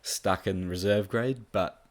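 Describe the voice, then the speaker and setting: Man, very low voice, nasal, slightly sick, casual, lots of ums. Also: slow pace. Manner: relaxed, with frequent ums and restarts. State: a bit sick. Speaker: fantasy football tipster. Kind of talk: casual solo analysis.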